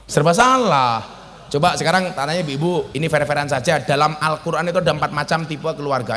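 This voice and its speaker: A man gives a comic sermon to an outdoor crowd, with a high, bright, lively voice. He teases the audience and swings between loud exclamations and quiet asides. His voice rings out with a long reverb, as if through a public address system. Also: slight background noise. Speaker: preacher. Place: mosque courtyard event, outdoors.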